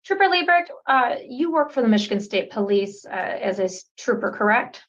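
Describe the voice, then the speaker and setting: A woman's voice: on the high side, expressive, normal speed, dull audio. Businesslike woman prosecutor questioning a witness. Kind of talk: courtroom questioning.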